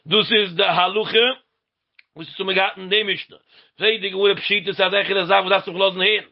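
Guy going through talmud, high gravelly voice, kinda muffled lo-fi recording. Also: fairly even intonation, fairly quick. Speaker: Talmud teacher. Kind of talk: Talmud study lecture. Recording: lo-fi dull recording.

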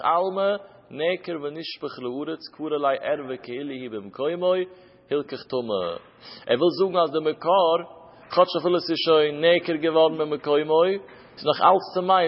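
A man's voice: a little high, husky. A man teaching a traditional Talmud lesson in a sing-song study chant, with phrases that rise and fall. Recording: dull lo-fi with long reverb.

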